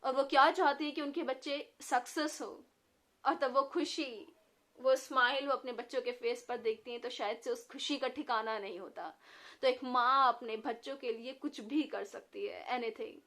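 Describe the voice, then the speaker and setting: Young woman telling a story, high voice, earnest, drops in english bits. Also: fairly even intonation, normal speed, a bit bright. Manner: earnest, mixing in English phrases. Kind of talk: storytelling and heartfelt message.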